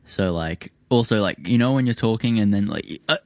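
A man's voice: fairly low pitch, expressive, moderate pace, darkish tone, dry recording, clean studio sound. A young man with a broad New Zealand accent, chatting casually in a laid-back, slangy, rambling way as a musician guest. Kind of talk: casual chat.

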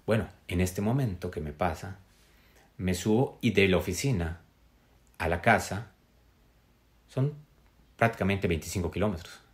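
A middle-aged man earnestly telling a personal story on a live stream, with pauses and "mm?" tags. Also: sits low.

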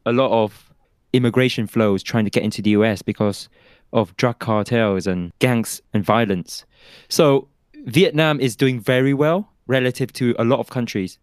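A man co-hosting a casual discussion podcast, animated and putting questions to himself before he answers them. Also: medium pitch, normal speed, smooth, dry recording, studio quality. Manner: animated, asks and answers his own questions. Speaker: podcast co-host.

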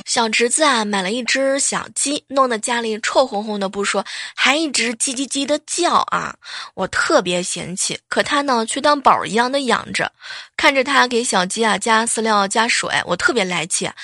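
A woman telling a string of comic everyday anecdotes, lively and acting out the quoted lines. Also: normal speed, no room sound, clean studio sound. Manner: lively, acts out quoted lines with big pitch jumps. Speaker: joke storyteller.

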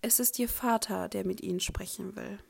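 Woman reading older headmistress type, soft, almost sad, gravelly. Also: medium pitch, steady tone, moderate pace. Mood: gentle. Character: stern but gentle older female teacher.

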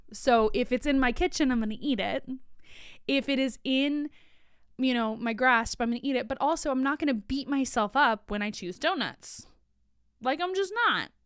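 A woman's voice: a little high, a bit bright, smooth, no echo, clean studio sound. A woman in her thirties giving a casual talk, chatty and full of fillers and restarts. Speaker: guest speaker.

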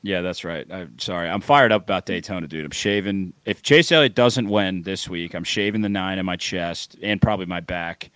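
A young man hosting a casual podcast, excitable and loud, rambling and swearing freely. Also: deep voice, normal speed, hardly any pauses, no room sound. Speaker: podcast host.

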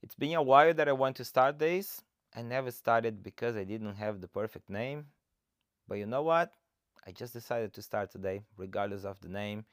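A Brazilian man with a Brazilian Portuguese accent hosts his own podcast as a fat loss coach, talking to listeners alone in an earnest, encouraging, motivational tone. His voice is medium in pitch at a moderate pace, recorded with studio quality and no room sound.

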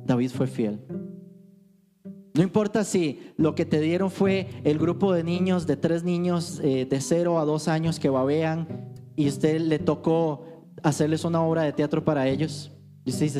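Man teaching over soft guitar. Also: on the high side. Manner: conversational storytelling with anecdotes. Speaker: worship teacher. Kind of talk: teaching on worship.

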